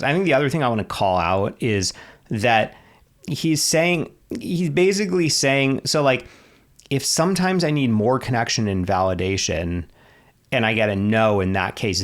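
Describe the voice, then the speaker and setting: A man's voice: fairly low pitch, animated, normal speed. A man in his thirties co-hosting a podcast, thinking aloud with frequent restarts and hedging fillers. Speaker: podcast co-host. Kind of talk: conversational podcast commentary.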